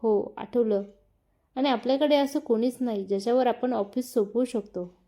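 A woman voicing a calm, practical elder brother who speaks matter-of-factly. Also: a little high, moderate pace, close to an everyday voice.

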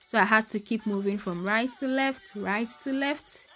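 Cooking a recipe in her home kitchen, a chatty Ghanaian vlogger talks to viewers as "my people" and exclaims about the food in a casual demonstration. She has a fairly high, somewhat bright voice at a moderate pace, with soft music in the background.

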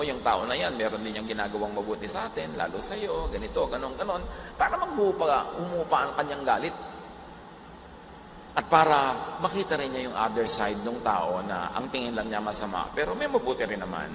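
A man's voice: mid-range voice, sing-song, fairly quick, a bit bright. A man with a Filipino accent preaching a sermon, moving between Tagalog and English with emphatic rises. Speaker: pastor. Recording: echoey hall with faint noise.

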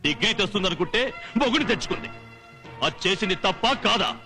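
Theatrical, mocking father of the bride, high and bright, soft music under him. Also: lively intonation, a little fast, heavily acted. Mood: indignant. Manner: sarcastic, theatrical scolding. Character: outraged, sarcastic man shaming his eloped daughter. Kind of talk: movie comedy scene.

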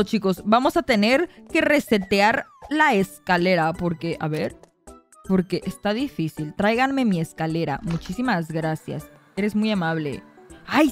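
A young woman giving excited gameplay commentary, often shrieking and squealing at mishaps while talking to her viewers. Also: on the high side. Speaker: gaming youtuber.

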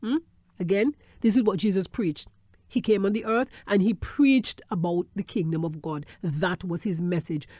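A woman delivers a teaching sermon in a warm, mellow voice. She drives points home by repeating them and pauses for a questioning "hmm?". The recording is close and dry, with no room sound. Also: mid-range voice, no room sound. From Montserrat. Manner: repeats key phrases for emphasis and checks in with a questioning "hmm?". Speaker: Bible teacher.

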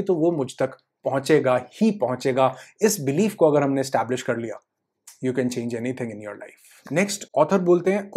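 A man's voice: high-pitched, a little mellow, slightly rough. A man coaching on the law of attraction in a motivational talk. He mixes English terms into his Hindi and repeats phrases for emphasis.

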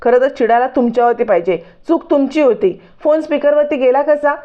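A woman's voice: sits high, fairly quick, lo-fi sound, voice pushed up, close to an everyday voice. A woman voicing a young man, a boss, who questions and bickers. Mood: bickering.

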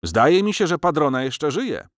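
A man voicing a bold, cheerful young rider who calls out loudly in a storybook reading. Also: a little high, very animated, normal speed, dry recording, studio quality, voice pushed up. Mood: hearty calling.

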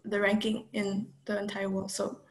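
A young woman from Malaysia speaks softly and hesitantly on a video call, pausing on ums. Her voice sits at a middle pitch. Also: completely flat delivery. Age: young adult. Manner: soft-spoken, hesitant. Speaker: student panellist. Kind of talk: casual video-call chat.

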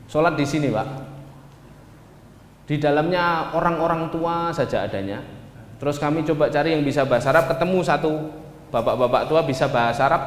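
Male Indonesian storyteller, animated, long hall reverb. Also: fairly high pitch, a little hiss or hum. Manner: lively, addresses listeners as "Pak", acts out dialogue. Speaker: speaker recounting a journey. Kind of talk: storytelling talk to an audience.

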